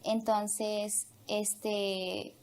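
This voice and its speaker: A woman's voice: medium pitch, little pitch movement, drawn-out words, darkish tone. A young woman from Honduras, a guest telling her life story in an interview, speaking hesitantly with many fillers. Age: young adult. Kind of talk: testimony interview.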